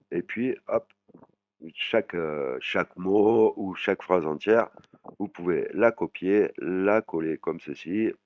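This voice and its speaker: A man teaching a language lesson, explaining words slowly and adding "hein" after many phrases. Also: low-pitched, no echo. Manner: frequent "hein" tags, slow drawn-out sample words. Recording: dry, muffled lo-fi voice.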